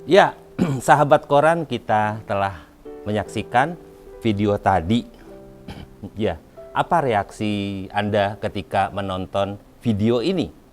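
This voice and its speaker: A man hosting a reaction show about preaching, speaking deliberately with occasional fillers. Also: fairly low pitch, expressive, faint music behind. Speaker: host. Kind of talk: reaction commentary.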